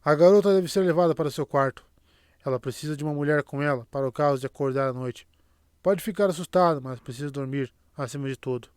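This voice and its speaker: A man reading the lines of a calm, commanding sorceress in a measured, curt way. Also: fairly high pitch, smooth, no room sound, studio quality, close to an everyday voice. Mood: calm firm. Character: calm commanding Aes Sedai woman.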